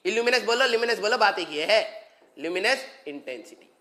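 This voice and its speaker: A man's voice: sits high, animated, normal speed, pushed and bright. A man teaching a live online physics lecture, joking with students and mixing English terms into his explanations. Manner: playful, joking, mixes English terms into speech.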